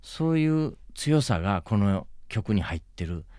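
A man, a film director guest on a radio interview, earnest and halting, with many fillers. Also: fairly low pitch, very animated, mellow, no room sound, studio quality.

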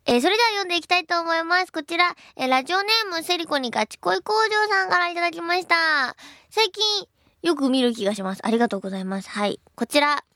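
Bubbly high-voiced young woman radio host. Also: bright, forceful tone, no echo, studio quality. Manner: chatty, bubbly and self-deprecating. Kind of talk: casual radio talk reading listener mail.

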